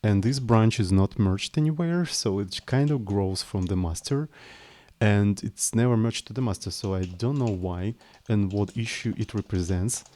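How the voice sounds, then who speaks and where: Here a man's lowish, warm voice keeps a moderate pace. Explaining code in relaxed live-stream chat, he uses English, not his native tongue, hesitantly and with apologies and many restarts.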